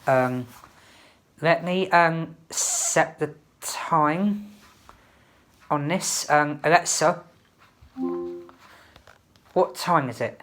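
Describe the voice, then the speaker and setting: Speaking very slowly with long pauses, a low-voiced woman chats through an unboxing and review, showing the product step by step in a tentative way. Faint music plays behind her, along with light background noise and clicks.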